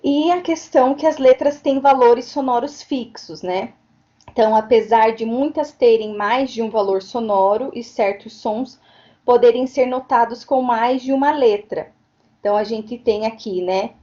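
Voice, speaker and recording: Woman, teacher educator, online lecture, fairly high voice, explanatory, dull lo-fi sound. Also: mellow. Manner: explanatory, frequent tag questions. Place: home, virtual meeting. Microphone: computer mic on a video call.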